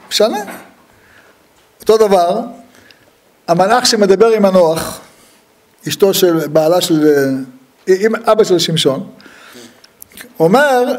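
A man giving a humorous religious talk, telling stories with lively acted-out dialogue and frequent laughter. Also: sits high, pauses often. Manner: lively storyteller who acts out the dialogue; laughs often at his own stories.

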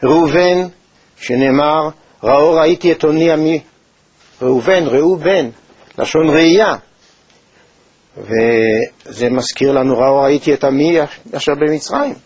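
Guy teaching a torah lesson, kinda husky, slightly high voice, dull dry recording. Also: a little mellow, dry recording. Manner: measured, thoughtful delivery with pauses and hesitations.

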